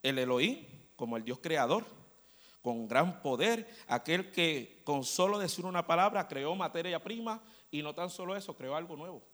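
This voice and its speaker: A man's voice: fairly high pitch, moderate pace. A man preaching a storytelling sermon in a church, often checking in with the congregation. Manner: animated storyteller, asks the congregation "¿verdad?". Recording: long church hall reverb.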